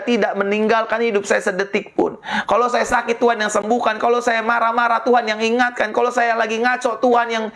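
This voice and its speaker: A middle-aged woman pastor preaching a sermon, repeating phrases and addressing the congregation directly. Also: a little high.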